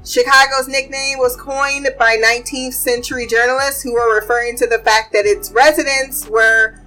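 Speaking at a fairly high pitch with a steady, moderate pace, a podcast host runs through celebrity gossip and fun facts in a bright, forceful tone. She's blunt, chatty and swears a lot, with soft music underneath and poor audio quality.

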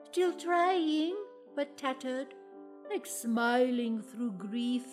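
A self-important lady poet laureate, put on by a woman in a comic audio play, declaiming in a slow, measured cadence. Her voice sits a little high. Soft music plays faintly beneath her. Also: fairly even intonation. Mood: reciting grandly. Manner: lofty, declamatory recital. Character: pompous grand female poet laureate.

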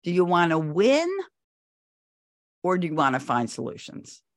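A woman's voice: lowish voice, big pitch swings, a little slow, no echo, clean studio sound. A woman in her sixties, a parenting expert guest, giving firm advice and stressing her points by repeating them. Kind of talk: advice interview.

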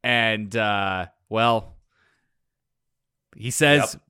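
Smooth-voiced man telling a wrestling story. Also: lowish voice, extremely slow, no room sound, clean studio sound. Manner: animated storytelling with quoted asides. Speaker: podcast co-host. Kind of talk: casual chat.

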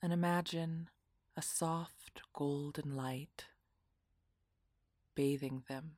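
A woman guiding a relaxation meditation in a soft, half-whispered, soothing voice. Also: low voice, steady tone, extremely slow, dry recording, clean studio sound. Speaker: meditation guide.

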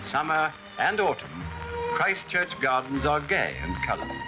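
A man's voice: a little high, huge pitch swings, moderate pace. A man with a British accent giving formal, lilting narration on an old newsreel, played from an archive film. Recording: dull lo-fi old film soundtrack with loud music.

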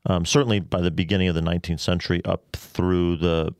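A man, a radio station manager, guesting on a talk show and explaining at a measured pace with dry wit. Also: low voice, level tone, darkish tone, clean tone, no echo. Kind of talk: casual radio interview. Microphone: studio mic. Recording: dry studio sound.

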